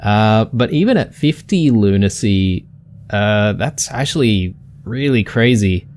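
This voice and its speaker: Low-voiced guy wrapping up a let's play, chatty, lots of ums, faint hiss behind. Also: animated, slow, darkish tone. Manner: chatty, many ums and uhs, addresses viewers as guys. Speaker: gaming channel host. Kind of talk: casual let's play commentary.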